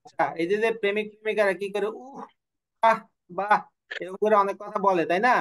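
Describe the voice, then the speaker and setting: High-voiced man teaching a language class. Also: steady tone, rapid-fire, a bit bright, clear, resonant tone, poor audio. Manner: explanatory, asks students questions, tells jokes. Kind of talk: online class lecture. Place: online class from home or studio.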